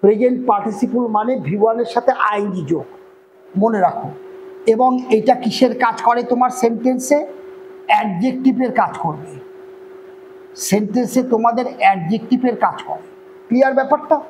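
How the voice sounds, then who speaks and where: A Bengali-accented man runs an online grammar lesson, with a voice that sits unusually high for a man. He walks through each point step by step and keeps checking whether the class has followed. A faint hum of ambient noise sits under the recording. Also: fairly quick, darkish tone, rough recording. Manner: explains step by step, often checks "clear?". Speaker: grammar teacher.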